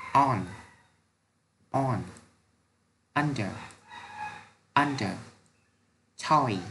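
Male Vietnamese-accented English teacher for a kids' lesson, unhurried drill delivery, light background noise. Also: mid-range voice, fairly bright tone. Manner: reads each word twice for children to repeat. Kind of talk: recorded vocabulary lesson for children.

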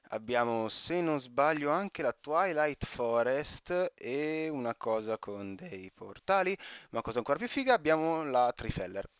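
A man's voice: medium pitch, clean tone. A teenage man from Italy giving casual, rambling gameplay commentary, often stopping mid-word and joking to himself. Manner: rambling, self-interrupting, joking asides. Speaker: gaming YouTuber.

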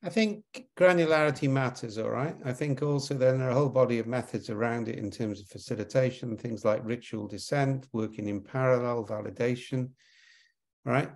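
Gravelly man explaining at length. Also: mid-range voice, a little mellow. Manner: explanatory, with frequent tag questions and repeated words. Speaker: invited expert answering audience questions. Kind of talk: webinar Q&A answers.

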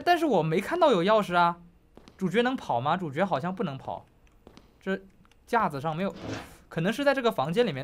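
A young man plays through a horror game and jokes to his viewers that nothing scares him. His voice sits high and swings widely in pitch. He keeps up a running banter, addressing the audience the whole time. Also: fairly bright tone. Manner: joking, talks to viewers, claims not to be scared, yelps at scares. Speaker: gaming YouTuber. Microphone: headphones on, desk mic.

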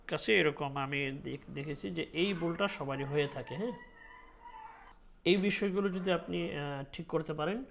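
A man gives a spoken recitation lesson at a patient, unhurried pace. His voice sits a little high, and he pauses often with fillers between points. He slips into long, drawn-out chanted syllables as he demonstrates. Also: vocal fry, slight background noise. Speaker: Quran recitation teacher.

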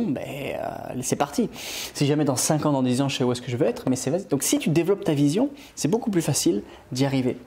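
This mellow, rather high male voice belongs to a Scottish man who teaches English online. He delivers an upbeat, motivational video lesson, moving back and forth between French and English.

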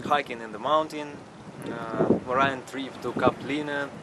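A man's voice: mid-range voice, fairly even intonation, measured pace, heavy background noise. Hesitant young man from Russia. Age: young adult. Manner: hesitant, with fillers. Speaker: oceanographer. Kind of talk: self-introduction to camera. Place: outdoors on a rooftop by a fjord.

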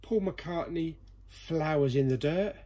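A man hosts a casual, jokey vlog while going through a collection in a storeroom full of boxes. He speaks slowly in a slightly high voice with a dark tone.

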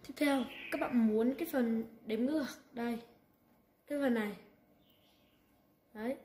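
Woman calmly explaining software steps, echoey room. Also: a little high. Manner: unhurried step-by-step instructions with frequent "đây, đấy". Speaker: software tutorial presenter. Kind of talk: screen-recorded software tutorial. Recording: echoey room, faint background noise.

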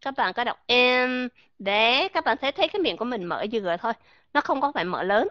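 This Vietnamese woman's voice is on the high side, animated, brisk and a bit bright as she teaches English pronunciation online. She explains patiently, repeats example words and asks her listeners questions, in a dry, dull lo-fi recording with no room sound.

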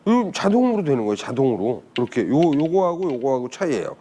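A man's voice: mid-range voice, very animated, fast talker, warm tone. A man teaching billiards in a casual spoken lesson, chatting and often putting rhetorical questions to viewers. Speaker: billiards instructor.

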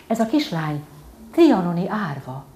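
A woman voicing a calm, firm mother speaking quietly to her daughter. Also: lowish voice, voice pushed up. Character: stern, quiet mother, controlled.

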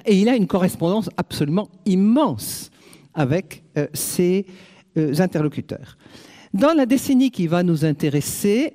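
A woman's voice: low voice, dark tone. A woman giving an academic lecture on literature, hesitant and full of fillers, with wry asides. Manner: hesitant, with frequent "euh" fillers.

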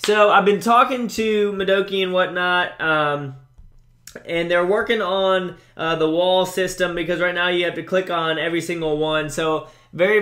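A man's voice: on the high side, fairly bright tone. A young man giving chatty, upbeat commentary on a mobile game he is playing, with frequent fillers and restarts. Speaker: gaming YouTuber. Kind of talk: casual gameplay commentary.

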